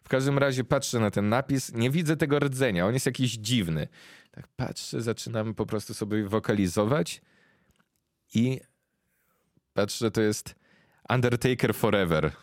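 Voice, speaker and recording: A young man hosting a podcast, explaining things to his guest in a casual, thoughtful way and pausing often to find his words. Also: mid-range voice, dry recording, clean studio sound. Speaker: podcast host interviewing a guest.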